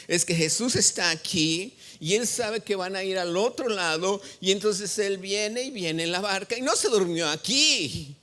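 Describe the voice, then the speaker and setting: A man's voice: sits high, fairly bright tone. A male pastor preaching a sermon in a church, reading scripture and quizzing the congregation with call-and-response questions. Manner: reads scripture aloud and expounds it. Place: church sanctuary.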